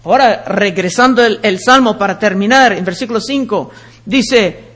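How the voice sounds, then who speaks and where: High-pitched man preaching a Bible passage. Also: fairly bright tone. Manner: reads scripture slowly and emphatically, then explains in plain talk. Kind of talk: sermon, Bible reading with commentary.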